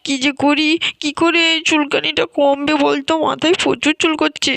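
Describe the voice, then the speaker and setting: A woman's voice: level tone, normal speed, creaky, fairly bright tone, no echo. A woman voicing a fretful little girl with lice in her hair, whining and complaining in a doll story. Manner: whiny, complaining, high-strung. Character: little girl with an itchy, lice-ridden head.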